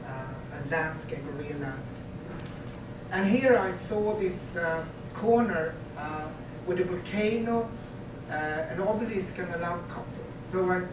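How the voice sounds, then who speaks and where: Swedish-accented man with a cold, halting. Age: middle-aged. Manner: halting, hesitant delivery in non-native English. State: has a cold, weakened voice. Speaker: visual artist giving a presentation. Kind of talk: informal artist talk to an audience. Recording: echoey distant mic, loud rumbling noise.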